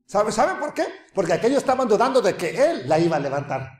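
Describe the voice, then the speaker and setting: Male preacher, high voice, lively sermon delivery, mocking crowd impressions, hushed asides, roomy echo. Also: fast talker. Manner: animated, acts out crowd voices with laughter, drops to soft hushed tones.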